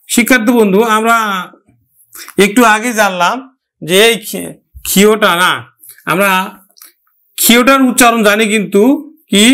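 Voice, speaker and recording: Male teacher with a high voice, patient and step-by-step, who drills example words through repetition. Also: fairly bright tone. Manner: explains slowly, repeats example words. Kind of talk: pronunciation lesson.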